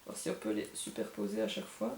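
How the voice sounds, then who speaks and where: A woman's voice: extremely low pitch, very animated, fast, vocal fry, darkish tone, a little hiss or hum. A woman casually unboxing and presenting a board game, thinking aloud and gushing with delight over small details. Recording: echoey room.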